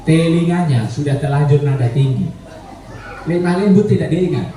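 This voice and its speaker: High-voiced preacher in an echoing hall. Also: male voice, expressive, normal speed, warm tone, slight background noise. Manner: humorous, conversational preaching, acts out quotes. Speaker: pastor. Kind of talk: sermon. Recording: echoey hall from a distance.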